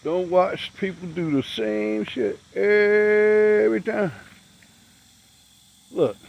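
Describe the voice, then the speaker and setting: Gravelly sixty-year-old man ranting outdoors. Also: sits high, very slow, highs cut off. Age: 60s. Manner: blunt, profane, preachy. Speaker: vlogger. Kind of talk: outdoor rant to camera.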